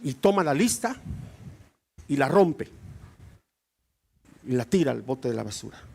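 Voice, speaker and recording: A man's voice: mid-range voice, very animated, unhurried, vocal fry, a little mellow, breathy edge. A male pastor preaching a sermon, acting out little dialogues with shifting voices.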